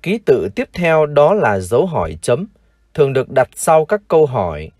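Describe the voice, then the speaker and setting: A Vietnamese man teaching English, who reads each word slowly and repeats it for learners to copy. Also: medium pitch, big pitch swings, darkish tone, no echo, studio quality. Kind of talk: vocabulary lesson, slow model pronunciations.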